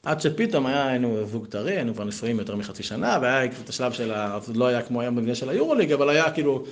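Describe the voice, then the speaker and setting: A man in his thirties teaching a Torah lesson in a conversational, animated way, mixing text study with personal stories. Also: mid-range voice. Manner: animated, conversational, lively asides. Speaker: yeshiva teacher.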